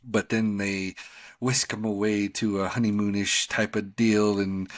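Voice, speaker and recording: A man's voice: fairly low pitch, little pitch movement, measured pace, dry recording, studio quality. A man co-hosting a podcast, talking casually about TV shows in a rambling, slangy, conversational way. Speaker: podcast co-host.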